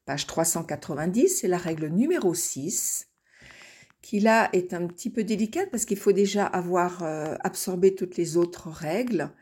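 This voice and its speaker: Woman teaching word stress slowly. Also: fairly low pitch, expressive, warm tone, breathy edge. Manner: slow, careful modeling of example words. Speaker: English pronunciation teacher. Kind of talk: recorded language lesson.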